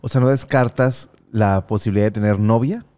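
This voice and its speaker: A man hosts a relaxed podcast chat. He mostly asks short, casual questions to keep his guest talking. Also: on the low side, fairly quick. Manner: brief prompting questions. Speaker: podcast host.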